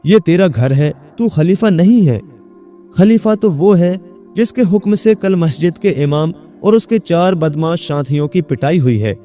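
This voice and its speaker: A man voicing an elderly mother who anxiously pleads with her confused son, in a raised, higher voice. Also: animated, measured pace, warm tone, faint music behind. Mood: relieved.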